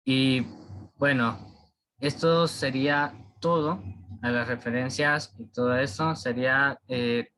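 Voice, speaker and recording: A man giving an informal class presentation, often pausing and searching for words mid-sentence. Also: medium pitch, fairly even intonation, sharp tone. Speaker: presenter explaining a topic.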